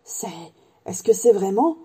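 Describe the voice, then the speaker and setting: A woman voicing an old bald barman who gushes in awed exclamations, with a husky, dark voice. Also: medium pitch, animated, measured pace. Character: old bald male barman, awestruck and emotional.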